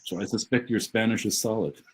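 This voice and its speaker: A man leading an online session as a guest speaker, talking quickly and often restarting his sentences over a video call. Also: on the low side, slightly rough, poor audio. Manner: brisk, halting with repeated restarts. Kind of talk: conversational talk on a video call.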